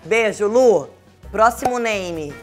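A woman's voice: medium pitch, animated, slow pace, a little mellow, faint music behind. A woman in her thirties from Brazil, chatting casually to camera and telling stories about her friends. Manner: chatty, acts out quoted dialogue. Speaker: vlogger.

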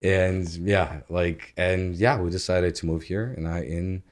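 Low-voiced Ukrainian-born man, relaxed guest. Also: a little slow. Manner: easygoing, laughs often, loose phrasing. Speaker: guest, agency founder. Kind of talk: casual interview. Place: home living room. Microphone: studio mic on boom arm.

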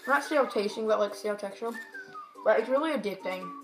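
A woman's voice: medium pitch, quick pace. A woman in a casual taste-test chat, talking while chewing candy and using many "like" fillers. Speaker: snack reviewer. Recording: music playing behind the voice. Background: music.

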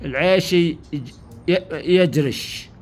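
Man, Kuwaiti accent, slightly high pitch, casual host prompting, light room noise. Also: drawn-out words. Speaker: host prompting guest with old sayings. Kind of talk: casual chat. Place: sitting room, indoors. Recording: clear background noise in room.

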